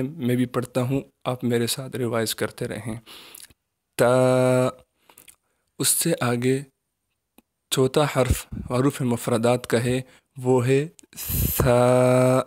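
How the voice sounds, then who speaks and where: A man teaching children the Arabic letters in a patient recitation lesson, with a Pakistani Urdu accent, slowly drawing out each letter as he says it. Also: medium pitch, little pitch movement, darkish tone. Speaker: Quran teacher.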